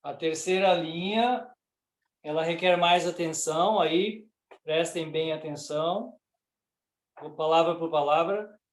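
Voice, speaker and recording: A man with a Brazilian Portuguese accent teaches Sanskrit pronunciation in an unhurried, somewhat high voice. He recites word by word and chants the verse in an echoey room.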